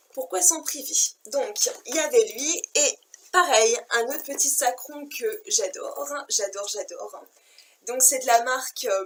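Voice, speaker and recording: A woman chatting casually and enthusiastically about her shopping haul, repeating words for emphasis. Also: on the high side. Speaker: fashion and beauty vlogger. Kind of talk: casual haul chat to camera.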